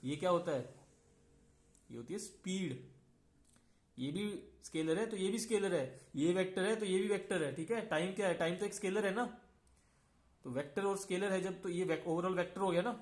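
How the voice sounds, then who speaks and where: A man's voice: high voice, fairly quick, pauses often, reverberant. A man teaching a physics lecture. He goes step by step and keeps checking in with his listeners. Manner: explains step by step, often checks in with "है ना". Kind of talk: classroom lecture mixing Hindi and English.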